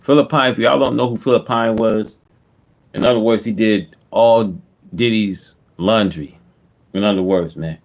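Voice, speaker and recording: A man's voice: fairly low pitch, steady tone, normal speed. A man giving casual, unscripted online commentary in a repetitive, slangy, conversational way.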